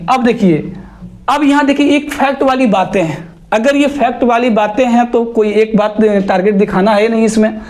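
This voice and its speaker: A teacher walks through exercises one example at a time, repeating each point and posing rhetorical questions to the class. Example sentences are read out slowly and deliberately. The voice sits at an ordinary middle pitch. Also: darkish tone. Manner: repetitive, step-by-step, asks rhetorical questions. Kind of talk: classroom-style grammar explanation.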